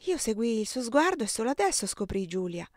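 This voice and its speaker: A woman narrating a novel in the first person as an audiobook reader, in a steady, even reading voice. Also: fairly high pitch, brisk, no room sound, studio quality.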